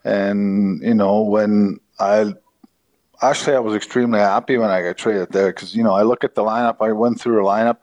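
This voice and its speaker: A middle-aged man with a Czech accent, answering interview questions in a halting way with many fillers. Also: fairly low pitch, fairly even intonation, a little mellow, no room sound, muffled recording. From Czech Republic. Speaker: former hockey player, guest.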